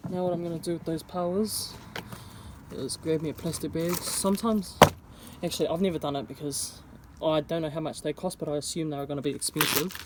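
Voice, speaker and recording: A woman's voice: low voice, fairly even intonation, fairly quick, heavy background noise. Young New woman. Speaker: vlogger. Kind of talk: casual vlog talk to camera. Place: indoors, speaking to camera.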